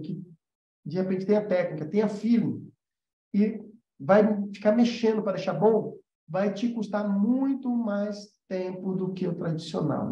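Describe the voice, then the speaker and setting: A Brazilian animator who works in a studio and teaches animation leads an informal live-stream lesson, explaining in a high yet soft-edged, mellow voice. He repeats points to stress them, and the slightly dull recording carries a noticeable room echo.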